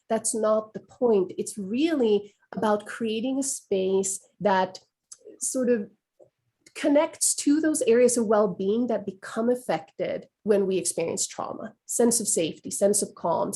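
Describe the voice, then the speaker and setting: A woman presenting on trauma-informed practice speaks thoughtfully in a video call webinar discussion, often restarting as she searches for words; Swedish is her first language. Her voice is mid-range with a darkish tone.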